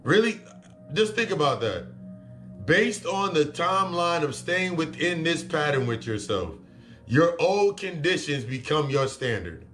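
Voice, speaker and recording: A man's voice: fairly high pitch, very animated, a little slow, fairly bright tone, faint music behind. A man giving a blunt, profane self-help talk as a spiritual coach, repeating his points for emphasis. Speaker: spiritual reader and life coach. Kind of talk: motivational self-help monologue.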